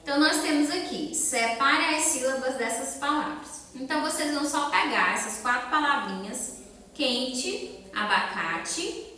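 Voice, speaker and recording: A woman's voice: high-pitched, sharp tone, very echoey, recorded from a distance. A woman teacher with a Brazilian accent, patiently explaining a lesson to children step by step and asking them questions. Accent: Brazilian Portuguese. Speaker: elementary school teacher. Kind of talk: recorded remote class lesson.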